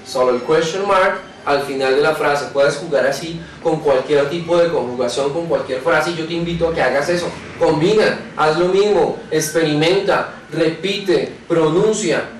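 A man teaching an English grammar lesson at a whiteboard, patiently asking and answering his own questions and slowing down to read example sentences. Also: a little high, recorded from a distance, slight background noise. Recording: echoey room, teacher away from mic.

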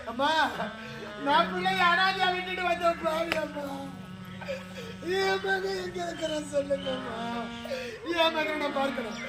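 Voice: sits high, close to an everyday voice. A performer in a stage drama playing a young orphaned mother who wails and sobs as she laments her lost son. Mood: pleading. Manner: wailing, sobbing, declamatory lament. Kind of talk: Tamil stage drama acting. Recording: echoey stage recording with music.

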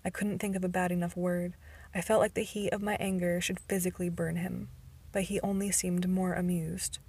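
Breathy, level amateur audiobook narrator. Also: female voice, on the low side, level tone, normal speed, darkish tone. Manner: occasional stumbles and restarts. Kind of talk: first-person novel narration.

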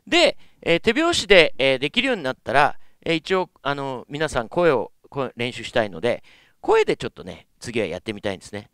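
Lively polite male vocal coach. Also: medium pitch, brisk, smooth, no room sound, clean studio sound. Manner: polite explaining with many fillers. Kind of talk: instructional lesson.

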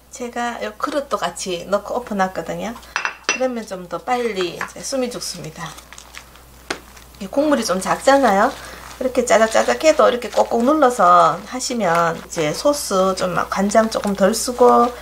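A woman's voice: mid-range voice, normal speed, gravelly, a little hiss or hum. Homey Gyeongsang woman cooking. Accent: Gyeongsang Korean. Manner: chatty, homey step-by-step instructions. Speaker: cooking channel host. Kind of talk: home cooking demonstration. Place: home kitchen. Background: clinking dishes and pots.

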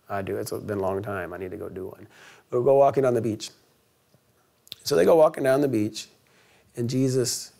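A man preaching a sermon in a church, with a gravelly, creaky voice at a middle pitch. He tells the story in a lively way and jumps into the characters' voices as he goes. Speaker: pastor. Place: church sanctuary.

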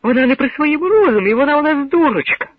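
A man voicing a frightened, fussing middle-aged husband making anxious, shrill appeals in a radio reading. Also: expressive, quick pace, no echo. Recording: narrow old radio broadcast sound.

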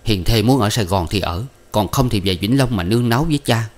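Man's own low voice as a resigned jailed husband, calm and steady, audiobook. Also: fast, natural voice.

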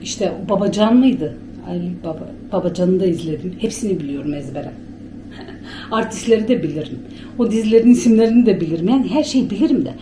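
Her medium-pitched voice is expressive and quick as she talks casually to her camera at home. She's a vlogger with a Bulgarian Turkish accent who rambles, laughs a lot, and films on a handheld camera against background noise.

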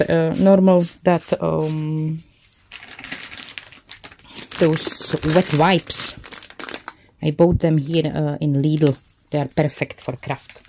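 Slow, mellow-voiced woman crafting. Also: low voice, slight background noise. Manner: thinks aloud while working, self-correcting. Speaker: craft channel host. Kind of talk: casual crafting tutorial.

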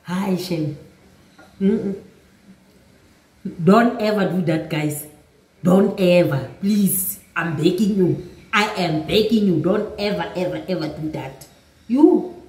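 A woman's voice: lowish voice, slow pace, long pauses, a little mellow. Chatty woman, echoey room. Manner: chatty, repeats "guys" often. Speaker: vlogger. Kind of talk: storytime vlog. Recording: echoey room, mic at a distance.

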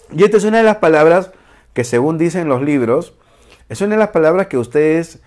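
A man's voice: a little high, lively intonation, moderate pace, darkish tone. A man hosting an online talk for women, playful and teasing, laughing often and acting out phrases. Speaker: online show host. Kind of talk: casual talk to a female audience.

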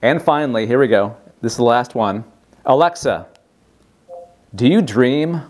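A man's voice: medium pitch, a little slow. A man hosting a casual tech demo, amused as he asks a voice assistant questions. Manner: lively, amused, asking the device questions. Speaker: host demonstrating a voice assistant.

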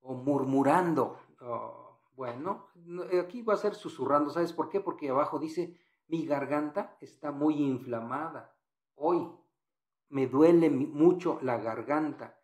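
A man's voice: a little high, unhurried, a little mellow, reverberant. A man teaching English in Spanish, patiently walking through exam answers and repeating phrases.

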